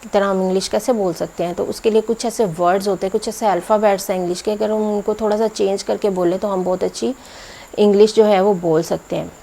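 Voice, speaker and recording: A woman whose first language is Urdu teaches a video lesson, her voice carrying a gravelly fry. She explains points in a steady, mid-pitched voice and slows down to say each example word on its own. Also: a little hiss or hum, rough recording. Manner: slows down to spell out example words one by one. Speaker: spoken English teacher.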